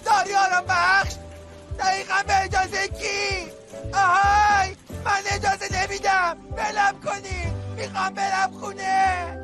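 Shrill, desperate male addict patient in a hospital; shouts threats over score. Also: level tone, over music. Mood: furious. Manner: screaming, panicked, threatening. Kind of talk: dubbed drama acting.

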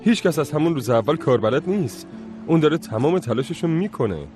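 A man dubbing a gentle young son who defends his girlfriend to his mother. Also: on the high side, expressive, over music, lightly acted. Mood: pleading. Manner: pleading, soothing. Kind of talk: dubbed drama acting.

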